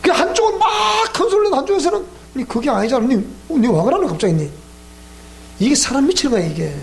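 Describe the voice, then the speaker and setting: A man's voice: very high-pitched, slight background noise. A man with a Gyeongsang accent, a pastor giving a sermon lecture, telling stories with animation and asking his listeners questions. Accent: Gyeongsang Korean. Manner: animated storytelling, questioning the audience. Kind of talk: sermon lecture at a Bible school.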